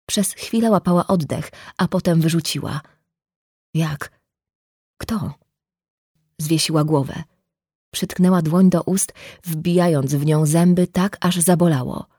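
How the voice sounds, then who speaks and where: A woman's voice: deep voice, dark tone, breathy edge, dry recording, studio quality. A woman reading a novel aloud as an audiobook narrator, voicing every character herself with small shifts of tone. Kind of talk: scripted narration.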